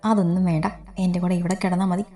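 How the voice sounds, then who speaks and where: A woman voicing a devoted, tearful young woman in love, reading her lines in a low, even storybook tone. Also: fast, natural voice. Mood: insistent. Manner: pleading, emotional.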